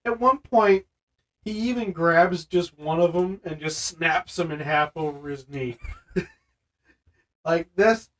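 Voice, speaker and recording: A man co-hosting a casual podcast chat, retelling film scenes in an animated way and using "like" often. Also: a little high, takes it slowly, long pauses, low-quality recording. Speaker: podcast co-host.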